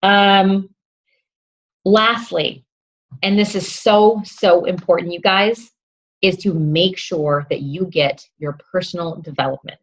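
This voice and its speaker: A woman speaks in a lowish voice as she coaches newcomers, upbeat and encouraging, often pausing to check in with an "okay?". The recording sounds dull and lo-fi. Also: steady tone. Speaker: fitness coach. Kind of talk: instructional talk to new coaches.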